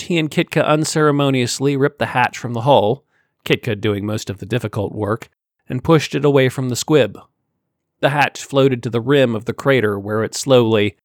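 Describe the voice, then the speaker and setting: A man's voice: mid-range voice, dry recording. Man narrating an audiobook, dry sound. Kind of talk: scripted narration.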